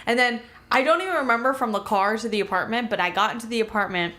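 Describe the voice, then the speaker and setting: A woman's voice: on the high side, quick pace, pushed and bright. A young woman from Miami, a podcast co-host, telling a story in casual talk full of "like" and swearing. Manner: rambling, many "like" fillers, swearing.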